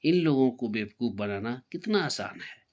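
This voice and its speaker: A man's voice: medium pitch, animated, normal speed, a little mellow, lightly acted. A man voicing a scheming, greedy young woman in a spoken story, talking slyly and gloating. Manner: sly, gloating.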